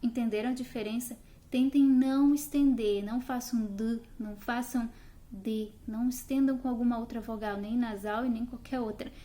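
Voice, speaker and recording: A woman's voice: on the high side, fairly even intonation, warm tone. Patient woman teaching letter sounds. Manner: patient, explains slowly and repeats letter sounds. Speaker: phonics teacher. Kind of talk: instructional video lesson.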